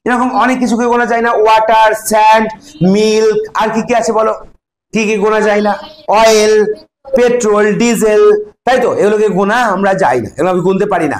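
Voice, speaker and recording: A man with a Bengali accent teaches a grammar class, walking his students through each step and pausing to quiz them. His voice sits high for a man. The classroom around him has a clear echo. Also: fairly even intonation. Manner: explains step by step, quizzing students. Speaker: English teacher. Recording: echoey classroom.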